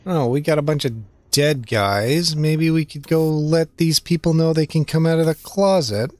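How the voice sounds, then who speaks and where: A young male streamer gives playful, joking commentary while playing a point-and-click game, speaking casually at normal speed. His voice is a little high and a little mellow, with no room sound.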